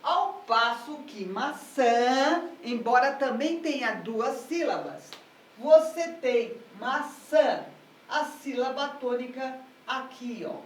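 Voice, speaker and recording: Slow, high-voiced woman music teacher. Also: expressive. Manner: slow, patient, explaining step by step. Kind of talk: explanatory lesson. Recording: echoey room, mic at a distance.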